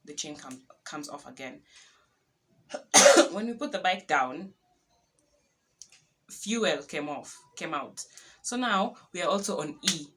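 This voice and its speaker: A young Kenyan woman with a Kenyan accent, casually retelling a road trip story to camera, animated and dramatic. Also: sits low, takes it slowly, pauses often. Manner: animated retelling with laughs and dramatic whispered asides. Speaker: vlogger.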